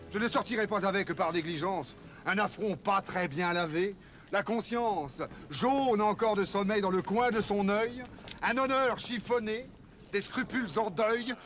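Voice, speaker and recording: A man's voice: sits high, fairly bright tone. A male actor playing a proud, witty, swaggering swordsman-poet in a verse drama, declaiming flamboyantly and savoring each word. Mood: proud, lofty. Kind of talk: theatrical French verse drama acting. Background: music.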